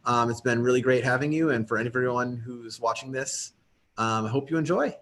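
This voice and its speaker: A man's voice: medium pitch, brisk, fairly bright tone. A man hosting a meetup panel, thanking the guests and viewers to close the stream. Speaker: meetup host. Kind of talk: closing a livestreamed panel.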